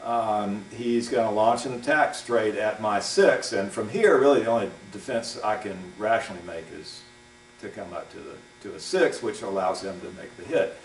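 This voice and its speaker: A man coaching fencing, explaining a demonstration aloud in a measured, halting way. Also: lowish voice, animated. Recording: echoey room, distant mic, faint hum.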